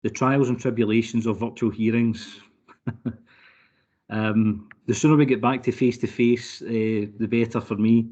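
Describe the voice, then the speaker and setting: A man's voice: medium pitch, fairly even intonation, normal speed, a little mellow. A man, a solicitor making a formal, persuasive submission to a licensing committee over a remote video call. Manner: persuasive, courteous, keeps addressing the panel formally. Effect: remote video call audio. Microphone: computer mic on a video call. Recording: dull lo-fi online call audio.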